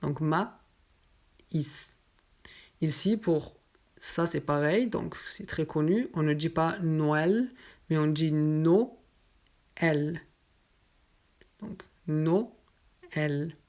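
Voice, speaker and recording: A woman teaching pronunciation, patiently spelling out sounds and pausing with fillers. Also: sits low, a little mellow. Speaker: French teacher. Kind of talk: pronunciation lesson.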